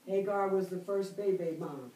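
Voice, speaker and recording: A middle-aged woman preaches at a Bible study in a church library room lined with bookshelves, drawing out key words and calling for responses in a call-and-response style. Her voice is lowish and dark, with a little hiss or hum. A far camera with no mic picks her up, so the room sounds echoey and distant.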